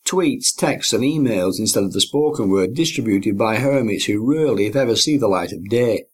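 A man presenting and interviewing in a measured, articulate way, with carefully worded, scripted-sounding phrasing. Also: fairly low pitch, animated, slightly rough.

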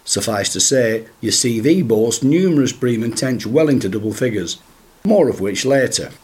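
A man with a croaky, hoarse voice from a chest cold, hosting a podcast with formal, scripted introductions and questions. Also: medium pitch, expressive, moderate pace, darkish tone. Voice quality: croaky, husky. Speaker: podcast host.

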